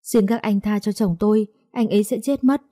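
A woman's voice: medium pitch, moderate pace, mellow, no room sound, clean studio sound, close to an everyday voice. A woman reading aloud, voicing a young wife who pleads and resists. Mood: pleading. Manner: pleading, defiant. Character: frightened young wife pleading for her husband.

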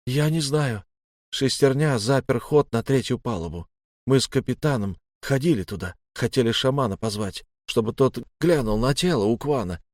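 A man voicing a frightened young male sailor who speaks in anxious, hushed bursts. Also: mid-range voice, expressive, moderate pace, no echo, studio quality, close to an everyday voice. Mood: scared.

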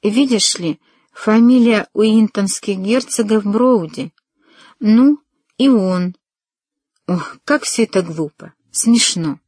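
A woman's voice: medium pitch, slow, darkish tone, slightly rough, dry recording, studio quality, voice pushed up. A woman voicing a timid, fearful young woman in an audiobook, speaking anxiously and pleadingly.

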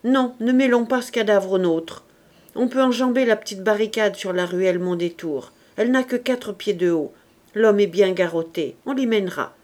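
A woman's voice: mid-range voice, normal speed, a little mellow, close to an everyday voice. Stern young rebel chief barking short orders, read by a woman, storybook reading. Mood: commanding. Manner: clipped commanding orders. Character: young male rebel leader, stern and cold.

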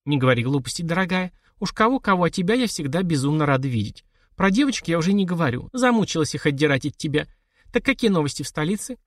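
A man's voice: on the high side, expressive, fast talker, no room sound, studio quality, pitched above the performer's own voice, close to an everyday voice. A man voicing a caring, sensible noblewoman in an audiobook. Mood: affectionate.

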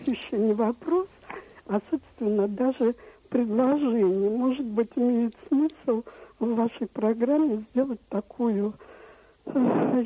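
A woman's voice: a little high, husky. A woman calling in by phone to a radio show, chatty and a bit ironic. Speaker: caller. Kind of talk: phone-in question. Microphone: telephone. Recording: tinny phone line.

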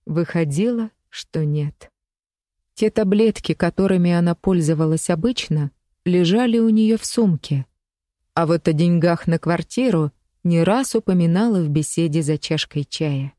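A woman narrating an audiobook story in a measured, even storytelling manner. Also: on the low side, no room sound, clean studio sound.

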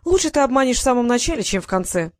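A woman voicing a calm, clever young woman who gives orders in a cool, measured way, in an audiobook reading. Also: a little high, no room sound, clean studio sound, natural voice. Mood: commanding. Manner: cool, measured, quietly commanding.

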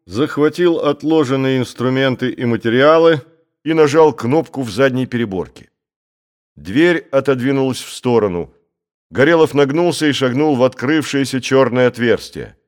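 A man giving a steady, measured scripted narration of an adventure novel. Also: mid-range voice.

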